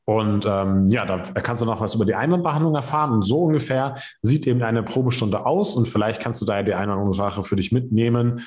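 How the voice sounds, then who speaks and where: A man's voice: on the low side, quick pace, hardly any pauses, darkish tone. A man hosting a casual podcast about personal training, talking loosely with many fillers and tag questions. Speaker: podcast host.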